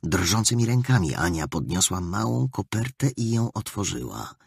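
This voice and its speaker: A man narrating an audiobook with expressive storytelling. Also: fairly low pitch, normal speed, vocal fry, breathy edge, no room sound, clean studio sound. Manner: expressive storytelling with a wide melody. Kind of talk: scripted narration.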